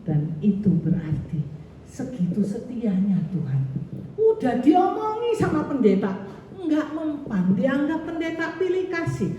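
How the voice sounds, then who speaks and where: A woman's voice: high voice, warm tone, a little hiss or hum. A woman pastor giving a chatty sermon full of stories and quoted voices. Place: church hall. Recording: echoey hall from far off, dull.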